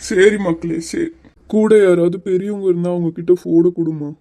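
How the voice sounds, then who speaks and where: A woman voicing a worried, gentle middle-aged father soothing his daughter in a cartoon series. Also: on the low side, fairly even intonation, moderate pace, dry recording, close to an everyday voice.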